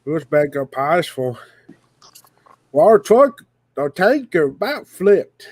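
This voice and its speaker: A man telling a folksy story in an easy, drawn-out way. His voice sits a little high and he takes his time. The sound is dry and close. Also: big pitch swings, darkish tone, dry recording. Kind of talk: casual chat.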